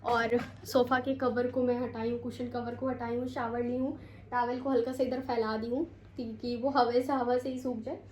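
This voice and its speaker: Sitting in her bedroom, a young vlogger from India chats loosely to the camera, wandering between topics and mixing in English, worn out and aching from a long day. She speaks at a moderate pace in a fairly high, level, darkish voice, with slight background noise.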